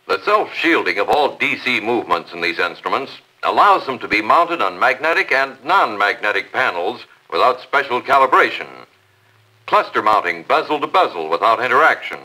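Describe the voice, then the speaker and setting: A man's voice: medium pitch, very animated, moderate pace, bright, forceful tone, rough recording. A man narrating a 1950s corporate newsreel in a polished, promotional announcer manner.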